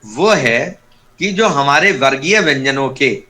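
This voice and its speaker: A man's voice: mid-range voice, animated, slow, bright, forceful tone. A man teaching an online Sanskrit class over a video call, patiently explaining step by step and repeating key terms.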